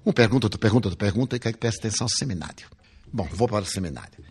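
A man's voice: on the low side, racing, a little hiss or hum. An older man from Brazil with a Brazilian Portuguese accent, giving a spiritual lecture full of personal anecdotes and playful humor, acting out the dialogue. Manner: lively storyteller, acts out dialogue, playful humor.

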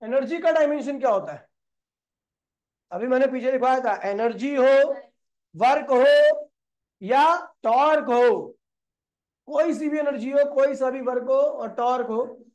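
Lecturing on physics in a classroom, a very high-pitched man keeps asking his students questions, then supplying the answers himself. He calls them brother and kid.

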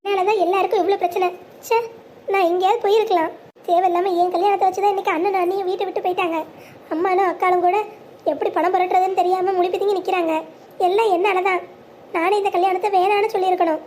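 A woman playing a heartbroken young bride in a cartoon, voiced very high with a quick delivery. She speaks bitterly but firmly, proud and resolved. A faint background hiss stays under her. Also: level tone, a little mellow. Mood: despairing.

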